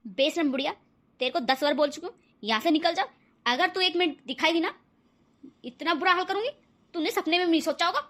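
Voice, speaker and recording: A sharp-tongued young wife from a cartoon, voiced by a woman. Her high voice is shrill and scolding, quick with sarcasm and threats. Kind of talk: cartoon voice acting.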